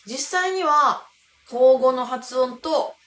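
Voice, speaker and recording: Slow, clear Japanese woman teacher. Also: high voice, fairly bright tone, reverberant. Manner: clear, deliberate teaching delivery. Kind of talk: scripted language lesson.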